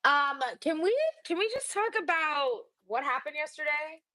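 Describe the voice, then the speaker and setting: A woman's voice: high voice, expressive, normal speed, sharp tone, rough recording. A woman guest in a playful casual chat, calling out prompt words. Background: music beat.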